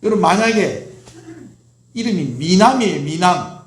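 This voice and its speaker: A man's voice: sits high, animated, normal speed. A middle-aged man preaching a sermon as pastor, asking the congregation questions and answering them himself. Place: church sanctuary. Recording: roomy church echo.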